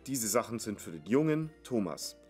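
Man reading as a busy dad rattling off instructions, low-ish voice. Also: very animated, darkish tone, faint music behind. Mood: brisk. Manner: brisk, instructing. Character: hurried middle-aged businessman father.

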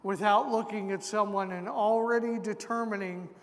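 A man's voice: high voice, steady tone. A man preaching a sermon in a church, moving from scripture reading into story-filled asides to the congregation. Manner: slow, deliberate preaching with asides. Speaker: pastor. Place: large church sanctuary. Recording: long church reverb.

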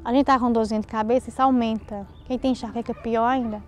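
Mother, quick and animated, higher voice. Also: soft background music. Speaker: local resident, mother. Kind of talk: interview testimony.

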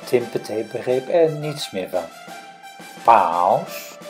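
Low, slow woman telling a fairy tale. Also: expressive, mellow, soft background music. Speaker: storyteller. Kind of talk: reading a fairy tale aloud.

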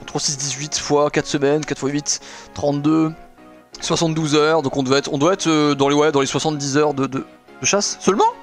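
A young man streaming live, chatting with viewers in a rambling way with lots of fillers. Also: on the high side. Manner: excitable, shouting and laughing with joy. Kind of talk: live stream reaction and chat.

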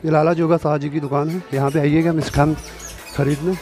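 This young vlogger from Uttarakhand, India, sounds on the high side and darkish, speaking a little fast with little pitch movement and a slightly sore throat. He guides viewers through outdoor markets on a walking tour, captured on a phone camera over background music.

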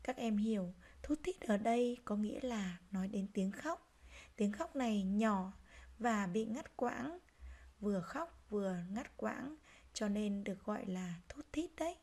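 A woman teacher giving a reading lesson to young children, speaking gently and pronouncing each word clearly. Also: medium pitch, lively intonation. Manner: gentle, slow, clearly articulated. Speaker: primary school teacher.

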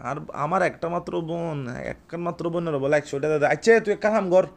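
Playing an older brother on a prank call, a young Chittagong-accented Bangladeshi man speaks informally, boasting and repeating himself. His voice is creaky and fairly high, and he talks fairly quickly.

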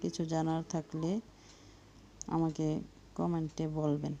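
Slow, flat-voiced woman teaching letters. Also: low-pitched, vocal fry, a little hiss or hum. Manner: spells each letter then says the sound, drawn out and careful. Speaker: Arabic reading teacher. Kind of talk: slow recitation lesson for learners.

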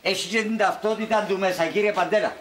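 A man's voice: high-pitched, fairly even intonation, fairly bright tone. An actor playing an easygoing, joking village man with a Cypriot Greek accent in a sitcom. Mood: plain.

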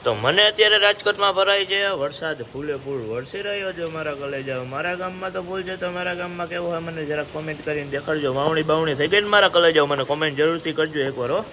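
A man's voice: a little high, fast, hardly any pauses. Chatty vlogger man. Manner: chatty, greets viewers warmly with devotional calls. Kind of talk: casual vlog chat. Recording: noisy street background.

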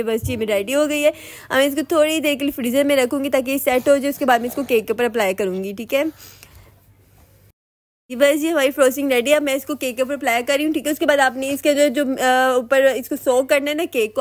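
Woman, Pakistani Urdu accent, high voice, chatty baking tutorial, repeats herself, dry close phone mic. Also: no room sound. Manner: chatty, instructive, repeats "ठीक है". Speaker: home baker and vlogger. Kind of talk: cooking tutorial voice-over.

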